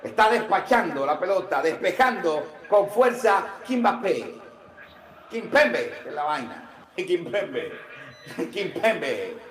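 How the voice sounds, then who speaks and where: Excitable Colombian coastal football commentator. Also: male voice, sits high, reverberant. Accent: Colombian Caribbean coastal Spanish. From Cartagena, Colombia. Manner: jokey, excitable, drawn-out goal calls and live ad reads. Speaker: play-by-play commentator.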